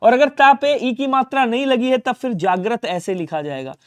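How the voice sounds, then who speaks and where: A man's voice: very high-pitched, moderate pace, clear, resonant tone, no room sound. A man teaching a Hindi spelling lesson for exam preparation, asking questions and answering them himself, with constant reminders to remember the words. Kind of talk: online exam-prep lesson.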